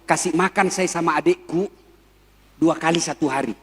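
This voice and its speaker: A male preacher, giving a lively, joking sermon and speaking directly to a live crowd. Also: fairly high pitch, normal speed. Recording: long hall reverb.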